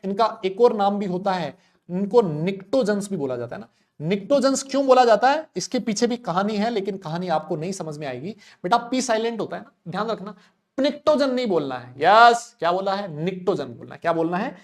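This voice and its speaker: A man teaching chemistry in a casual, chatty way, asking and answering his own questions and making up playful memory tricks. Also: high-pitched. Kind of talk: casual classroom lecture.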